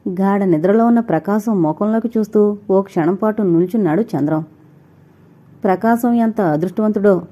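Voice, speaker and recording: A woman narrating a novel in a steady, even storytelling manner. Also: medium pitch. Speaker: audiobook narrator.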